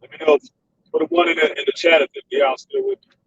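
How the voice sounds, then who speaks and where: A man's voice: fairly high pitch, huge pitch swings, fast talker, gravelly, a bit bright, slightly rough, far from the mic, lo-fi sound. A man vlogging live from his car, talking casually and calling on his viewers to reply. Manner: chatty, keeps calling on viewers. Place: in a car while driving.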